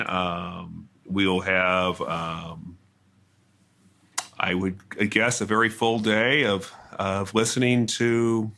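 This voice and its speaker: A man reporting from a courtroom trial, answering questions in a hesitant, halting way with many restarts. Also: fairly low pitch, bright, forceful tone. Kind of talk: interview answers.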